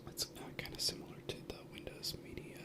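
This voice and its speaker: A man in his thirties whispers a casual, rambling ASMR talk close to the listener's ear. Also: quick pace. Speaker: ASMR video creator. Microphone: close binaural mic, ear to ear.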